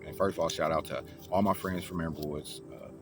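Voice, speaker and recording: A young male vlogger tells his life story in a rambling, profane, casual way, restarting often. His voice sits low, his intonation fairly even, and he talks fairly quickly over loud background music.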